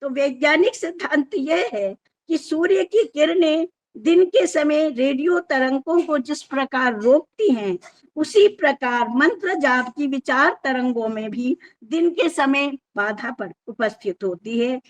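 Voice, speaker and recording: A woman giving a formal, measured lecture on scripture, explaining step by step and sometimes restarting words. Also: sits high, animated.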